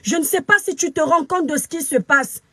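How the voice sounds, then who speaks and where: A woman's voice: high voice, brisk, sharp tone, no room sound. A Cameroonian woman with a Cameroonian French accent, ranting angrily into her phone camera as a social media commentator, scolding and preachy with emphatic repetition. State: very upset. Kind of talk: angry live video rant.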